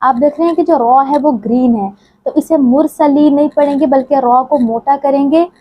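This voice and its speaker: High-voiced woman teaching recitation. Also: fairly even intonation, dull audio. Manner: explains rules quickly, then recites verses slowly and melodically. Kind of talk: tajweed lesson with chanted recitation.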